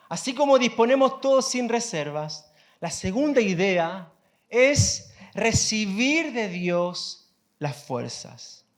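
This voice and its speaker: A male pastor delivers a sermon at an unhurried pace, leaning on drawn-out words. He keeps turning to the congregation with questions and lifts his voice on key lines. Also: high-pitched. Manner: preaching with rhetorical questions to the congregation.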